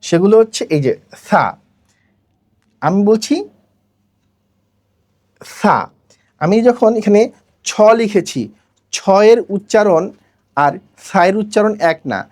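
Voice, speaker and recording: Recitation teacher, mid-pitched, very slow and deliberate; leads a repeat-after-me syllable drill. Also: a little mellow. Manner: drills syllables slowly, asks students to repeat. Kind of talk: slow recited pronunciation lesson.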